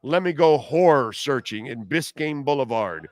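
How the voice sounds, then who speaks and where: A man's voice: mid-range voice, lively intonation, moderate pace, darkish tone, dry recording. Male sports-talk host, escalating comedy rant, mocking and exasperated, very dry studio sound. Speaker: radio show host.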